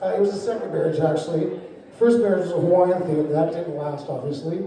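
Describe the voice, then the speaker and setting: Hesitant amateur comic, high-pitched man, very echoey. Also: brisk, mellow. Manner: hesitant, unrehearsed, loses his thread. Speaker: amateur open-mic comedian. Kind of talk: rambling stand-up storytelling. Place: echoey indoor open-mic venue. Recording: very echoey room, distant microphone, muffled.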